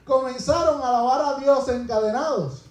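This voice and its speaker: A man's voice: very high-pitched, normal speed, darkish tone, roomy sound, rough recording. A man preaching a sermon to his congregation, asking them rhetorical questions and retelling scripture as a story.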